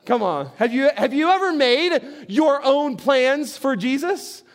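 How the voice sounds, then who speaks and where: A man's voice: extremely high pitch, lively intonation, measured pace. A man giving a sermon in a conversational way, often repeating words as he starts a sentence. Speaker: pastor.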